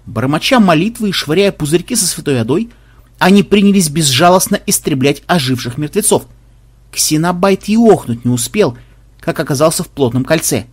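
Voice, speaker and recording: A man reading an audiobook in an expressive, animated way. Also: fairly high pitch, normal speed, breathy edge. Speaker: narrator.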